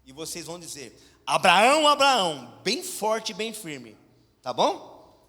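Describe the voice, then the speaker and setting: A middle-aged man with a Brazilian Portuguese accent, a pastor preaching a sermon in animated storytelling style, swinging from hushed to loud and leading the congregation in call-and-response. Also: a little high, unhurried. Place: church hall. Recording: long church hall reverb.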